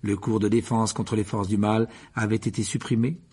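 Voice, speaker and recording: Expressive male audiobook narrator with a husky voice. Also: normal speed. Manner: expressive, shifts pitch widely for dramatic moments. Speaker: audiobook reader. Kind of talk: scripted narration.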